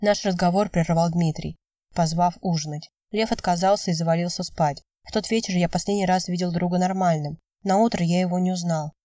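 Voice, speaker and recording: A woman reading an audiobook in steady, even scripted narration. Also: on the low side, no room sound, clean studio sound, far from the mic.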